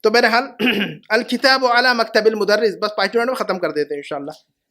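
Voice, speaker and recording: A man teaching an Arabic class to students, patiently repeating each phrase slowly before he translates it. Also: high-pitched, bright, forceful tone. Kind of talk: classroom lesson.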